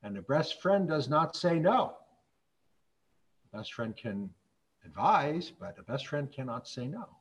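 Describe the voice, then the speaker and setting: Middle-aged male doctor at a lectern: earnest, measured storyteller, medium voice. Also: mid-range voice, very animated, low-quality recording. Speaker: physician and speaker. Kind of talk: public talk with stories.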